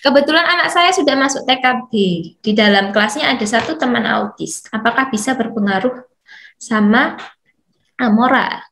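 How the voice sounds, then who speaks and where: A woman's voice: on the high side, normal speed, vocal fry, fairly bright tone, a little hiss or hum. A woman leading a parent seminar as an educator, explaining patiently with frequent fillers and reading out questions. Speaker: educator for parents of children with hearing technology.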